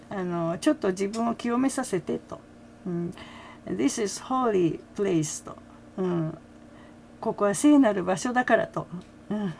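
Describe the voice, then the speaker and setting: A middle-aged woman talking casually about a concert, full of fillers and soft laughs. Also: medium pitch, creaky, a little hiss or hum. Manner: chatty, many fillers, frequent soft laughs. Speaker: fan reaction vlogger. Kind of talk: casual commentary.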